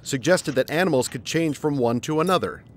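Speaking briskly in a rather high voice, a middle-aged man acts the part of an upbeat father in a family audio drama. The character's tone is earnest and explanatory, and the delivery is lively.

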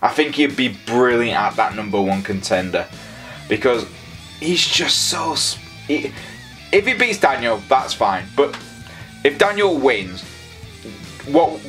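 An excitable young man runs through his picks in a casual vlog. His voice sits at an everyday middle pitch, and he keeps addressing his viewers directly as he rambles. Soft guitar music plays quietly underneath. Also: unhurried. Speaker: wrestling predictions host.

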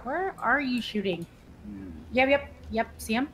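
Gamer girl on a headset, kinda high voice, swears a lot and is fed up with her teammate, keyboard clicking and hiss behind. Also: lively intonation, a little slow, fairly bright tone. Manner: exasperated, swearing, bantering. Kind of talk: casual gaming chat.

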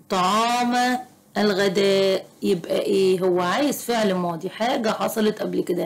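A woman with an Egyptian Arabic accent tutoring young children in Arabic grammar, slow, patient and encouraging. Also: medium pitch. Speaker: private tutor. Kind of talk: teaching a children's Arabic lesson.

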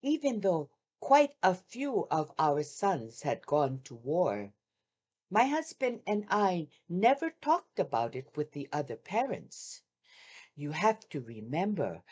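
An older woman on a video call, reading a first-person wartime memoir aloud in a measured, heartfelt way with long pauses. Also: deep voice, breathy edge. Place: home room with shoji screens. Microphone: video call webcam.

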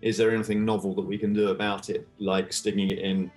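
Low-voiced man answering over video call. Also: level tone, quick pace, a little mellow, faint music behind. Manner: hesitant, with fillers and restarts. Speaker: event director being interviewed. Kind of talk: interview answers.

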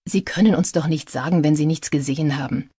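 A woman's voice: deep voice, fast, mellow, slightly rough, no room sound, clean studio sound. A woman reading a tired, stubborn woman detective. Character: tired, determined female detective.

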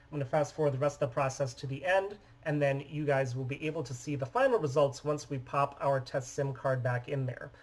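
A man in his thirties from the United States, giving a steady, methodical explanation while demonstrating a phone at his desk in a small room. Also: mid-range voice, a little fast, hardly any pauses, low-quality recording. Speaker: phone repair business owner. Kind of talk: scripted product demonstration. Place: small indoor office room.

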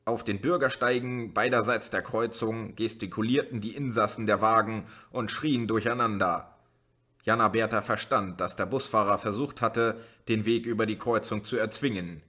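A man narrates a novel as an audiobook in a steady, even delivery. His voice sits on the low side but carries a bright, forceful edge. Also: breathy edge. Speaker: audiobook reader.

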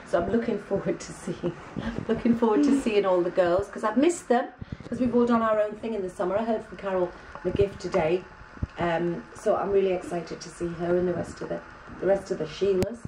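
A woman's voice: medium pitch, recorded from a distance, background noise. Chatty English woman in echoey room. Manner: chatty and breezy, with many ums. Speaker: vlogger giving a personal catch-up. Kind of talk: casual chat to camera.

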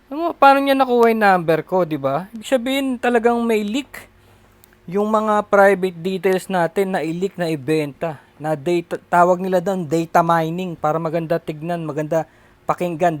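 High-voiced exasperated man ranting. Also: dry recording. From Philippines. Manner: exasperated, rhetorical tag questions. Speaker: vlogger. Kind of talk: casual rant to camera.

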